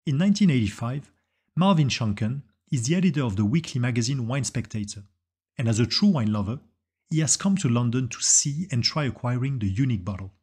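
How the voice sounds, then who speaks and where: A man's voice: mid-range voice, lively intonation, brisk, darkish tone, breathy edge. A man giving a scripted narration, telling a story with dramatic, suspense-building delivery.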